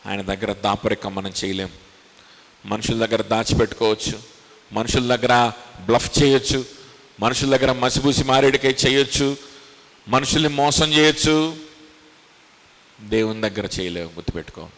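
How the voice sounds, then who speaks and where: A man preaches a sermon as pastor, firing off rhetorical questions and acting out the voices he quotes. His voice sits at an ordinary middle pitch. A long reverb trails behind it in the church hall. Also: normal speed, long pauses, fairly bright tone.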